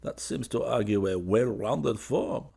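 A man voicing a drowsy young painter who murmurs softly and dreamily to a cat. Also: medium pitch, measured pace, creaky, breathy edge, voice pushed up. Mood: musing. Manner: soft, dreamy, musing.

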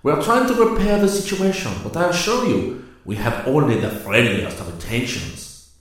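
A man's voice: fairly high pitch, normal speed, heavy reverb, pitched above the performer's own voice, close to an everyday voice, poor audio. A man doing a suave French space captain. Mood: suave reassurance. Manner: suave, smooth, falsely reassuring. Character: suave French male cruiser commander.

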